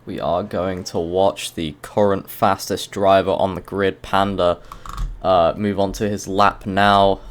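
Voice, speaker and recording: A man's voice: low voice, level tone, unhurried. A young man co-commentating a sim race live, laid-back and hesitant with many fillers.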